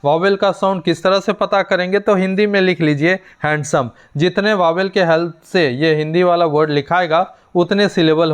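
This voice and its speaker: A young man teaching a poem, his voice a little high and very clean and smooth. He dictates English lines at a slow, careful pace and switches to quicker Hindi to explain them. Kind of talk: classroom lecture mixing Hindi and English.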